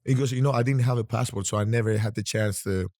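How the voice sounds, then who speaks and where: A man's voice: lowish voice, fairly even intonation, quick pace, a little mellow. A man from Greece hosting a casual interview, talking in rambling sentences that often restart. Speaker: podcast host.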